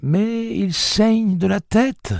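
A man with a low voice reading a novel aloud, playing a timid, fragile mother who pleads in a high voice. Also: sing-song, moderate pace, gravelly, darkish tone, no echo, clean studio sound. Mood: pleading.

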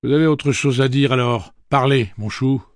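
A man's voice: medium pitch, moderate pace, no echo, studio quality, pitched above the performer's own voice, natural voice. A man voicing a wry, pained woman gunslinger in an audiobook, raising his voice for her. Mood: teasing.

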